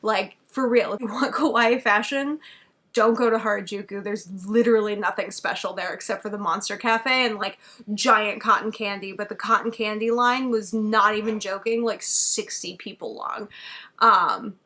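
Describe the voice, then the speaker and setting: A young woman in a casual travel vlog, chatty and excitable, packing her talk with "like" fillers as she recaps her day from a hotel room. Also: mid-range voice, moderate pace. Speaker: travel vlogger.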